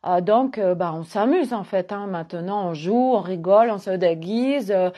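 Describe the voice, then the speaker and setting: A middle-aged woman with a Gers accent from southwest France talks through a loose spiritual monologue as a holistic coach. Her voice is mellow and warm, and she rambles with many hesitations and fillers between her thoughts. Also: medium pitch, moderate pace.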